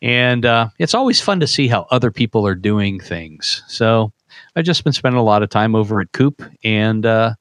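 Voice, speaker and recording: A man co-hosting a podcast, talking in relaxed, rambling casual chat. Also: fairly low pitch, normal speed, no echo. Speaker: podcast co-host.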